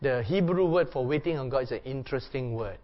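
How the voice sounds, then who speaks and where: A man's voice: medium pitch, animated, fast talker. Male preacher, dull lo-fi recording. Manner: repetitive, instructing phrases. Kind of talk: sermon with guided prayer.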